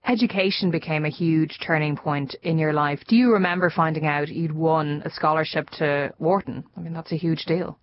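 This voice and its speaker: A woman with a notably low voice hosts an interview, moving smoothly from one prepared question to the next. The sound is slightly dull and muffled, with a faint hum behind it. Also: normal speed, hardly any pauses. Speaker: interviewer, host.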